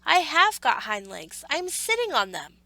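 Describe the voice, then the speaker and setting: Here is a woman playing a little toy rabbit boy from a children's storybook. He sounds high and bright, earnest and wistful, exclaiming with plaintive emphasis. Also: wildly swooping pitch, normal speed, no echo, heavily acted. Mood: proud, insistent. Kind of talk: children's storybook read-aloud.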